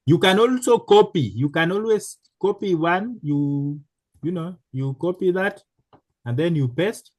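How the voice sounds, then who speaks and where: A man teaching a programming class in a slow, halting way, with many fillers and restarts. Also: high-pitched, a little mellow, no room sound. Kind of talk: live online class instruction.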